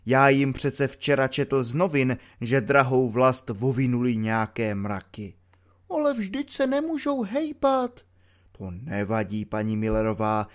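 A man reading an audiobook, voicing a good-natured simple soldier in a low, grave, drawn-out way with colloquial everyday speech. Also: lightly acted.

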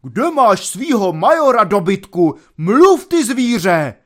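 A man's voice: sits high, big pitch swings, pitched above the performer's own voice. A man reading aloud and voicing a furious old army general who bellows abuse at a servant. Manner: shouting, abusive.

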